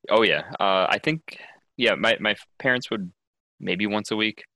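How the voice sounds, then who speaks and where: Deep, bright-toned giggly podcast guy. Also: unhurried, no echo. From Wisconsin, US. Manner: easygoing, giggly. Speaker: podcast co-host. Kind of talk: casual chat. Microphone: podcast microphone.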